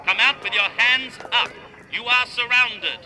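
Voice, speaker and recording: An actor playing a stern police officer who calls out formal, repeated surrender orders through a megaphone in an old TV cop show clip. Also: male voice, very high voice, measured pace, exaggerated voice, poor audio. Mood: commanding. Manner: loud, formal commands that repeat themselves.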